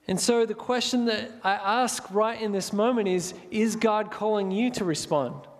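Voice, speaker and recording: High-voiced man preaching in a reverberant hall. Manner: earnest, reads scripture slowly and gravely. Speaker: pastor. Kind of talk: sermon.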